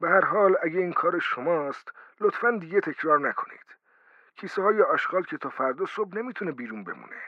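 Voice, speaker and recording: A man voicing a fussy, suspicious male municipal inspector with a quick, officious way of talking. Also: fairly high pitch, sing-song, dry recording, highs cut off, pitched above the performer's own voice. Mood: polite.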